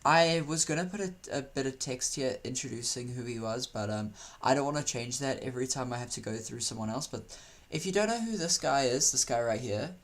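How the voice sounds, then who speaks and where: A South African YouTuber narrates what's on his screen in a rambling, joking video, peppering it with teasing slang. His mid-range voice is expressive and a little fast, with few pauses.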